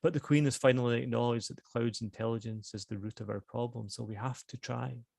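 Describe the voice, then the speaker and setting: A man with a Scottish accent reading the lines of an anxious young woman, the niece of a guild leader, with earnest, hushed urgency. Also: medium pitch, fairly even intonation, a little fast, vocal fry, no echo, clean studio sound. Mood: urgent, uneasy.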